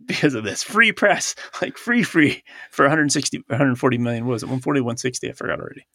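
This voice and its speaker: Fast-talking and very animated, this medium-pitched co-host has vocal fry and a fairly bright tone, casually chatting on an accounting podcast while a little congested from allergies. He laughs often and reads ads and quotes aloud; the studio-quality recording is dry.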